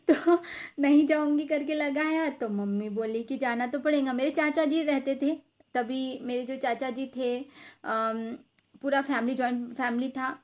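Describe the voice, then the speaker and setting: Young adult woman, casual personal storyteller, emotional and repetitive delivery, slightly high pitch. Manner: emotional, repetitive, mixes English words into her speech.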